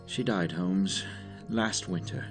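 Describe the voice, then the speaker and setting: An actor playing an aging, courteous doctor and former soldier in a formal, dry manner for an audio drama. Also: male voice, sits low, takes it slowly, faint music behind. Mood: weary, reserved.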